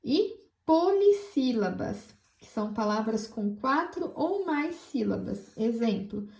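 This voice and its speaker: Brazilian woman, schoolteacher, high pitch, gentle patient delivery, roomy echo. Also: big pitch swings, creaky. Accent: Brazilian Portuguese. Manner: patient, explains slowly, spells out words; affectionate toward pupils. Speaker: teacher. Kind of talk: school lesson for children.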